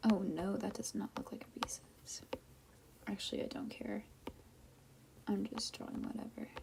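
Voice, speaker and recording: A young woman whispering softly and offhandedly as she chats while drawing late at night in a quiet house. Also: mid-range voice, fairly even intonation, moderate pace, vocal fry, poor audio. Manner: soft whispering, offhand and unbothered. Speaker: vlogger.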